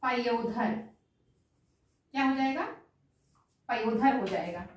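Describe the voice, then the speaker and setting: A woman's voice: a little high, slow. A woman teaching an exam-prep grammar lesson who asks each question and answers it herself, repeating the answer. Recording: very echoey room, distant mic.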